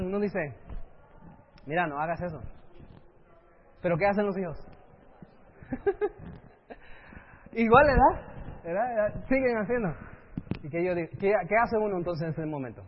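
A middle-aged male preacher giving a sermon, keeping the crowd engaged with constant "right?" questions and English phrases dropped into his speech. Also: high-pitched. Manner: keeps asking the audience "right?", with rhetorical questions. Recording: dull lo-fi sound with faint hiss.

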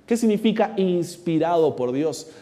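A man's voice: on the high side, lively intonation, normal speed, mellow. A man with an Argentine accent teaching a Bible workshop, asking his audience rhetorical questions. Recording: long hall reverb.

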